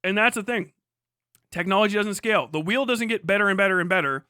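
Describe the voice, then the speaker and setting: On a casual livestream, a man goes on an off-the-cuff, emphatic rant, repeating himself for emphasis and swearing freely. His fairly high voice is quick, sharp, clear and resonant, captured in studio quality without echo.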